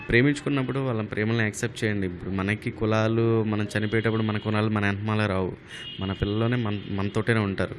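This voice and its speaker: Plain-spoken man, low voice. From Krishna district, Andhra Pradesh. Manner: plain-spoken, mixes in English. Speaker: interviewee. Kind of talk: interview.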